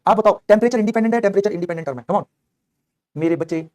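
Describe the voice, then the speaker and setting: Fast-talking, coaxing chemistry teacher man. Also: sits high. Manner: energetic, coaxing, voices students' replies himself. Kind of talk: online lecture.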